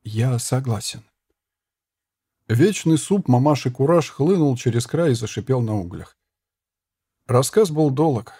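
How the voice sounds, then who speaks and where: A man narrating an audiobook in a measured, even storytelling manner. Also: mid-range voice, slightly rough, no room sound, clean studio sound. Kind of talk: audiobook reading.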